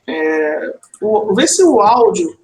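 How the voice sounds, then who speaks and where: A calm, soft-spoken study group leader talking to a group online. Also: mid-range voice, takes it slowly, a little hiss or hum, poor audio.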